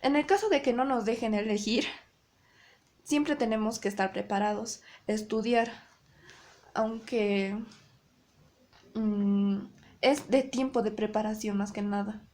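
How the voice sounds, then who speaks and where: A young woman giving a class presentation on public speaking, often pausing and correcting herself as she searches for words. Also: medium pitch, steady tone, a little mellow. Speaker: student presenter.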